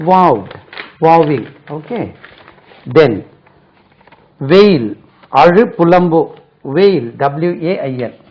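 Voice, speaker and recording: A man with a middle-pitched voice teaches English vocabulary at a very slow, deliberate pace. He repeats each word several times and spells it out letter by letter. The recording sounds dull and lo-fi. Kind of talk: spoken English lesson.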